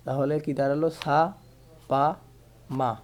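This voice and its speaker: A man's voice: mid-range voice, flat delivery, unhurried, a little mellow. A man giving a patient instrument lesson, counting the beats aloud over and over. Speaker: music teacher.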